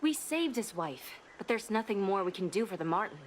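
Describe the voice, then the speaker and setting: A woman's voice: medium pitch, sing-song, brisk, slight background noise, close to an everyday voice. Woman doing a wry ancient fox spirit. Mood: musing. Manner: cool, dry, dismissive. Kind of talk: game cutscene voice acting.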